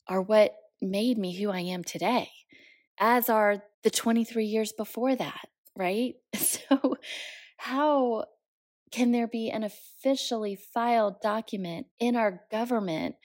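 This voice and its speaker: A woman's voice: medium pitch, darkish tone. A woman in her forties hosting her own podcast, speaking off the cuff in an emotional monologue, tearful and laughing with frequent restarts. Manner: emotional, laughing through tears, with many restarts. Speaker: podcast host. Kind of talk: unscripted personal monologue.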